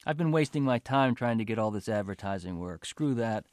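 A man's voice: lowish voice, animated, fairly quick, a little mellow, no echo, studio quality, close to an everyday voice. A man voicing a resentful young male college athlete who turns sarcastic and bitter in a story reading. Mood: boastful.

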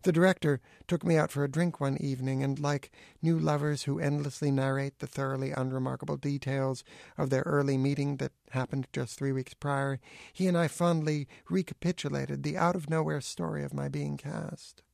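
A middle-aged man reading his own essay aloud with acerbic, deadpan wit. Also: on the high side, normal speed, vocal fry, no echo, studio quality. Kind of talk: dry witty essay reading.

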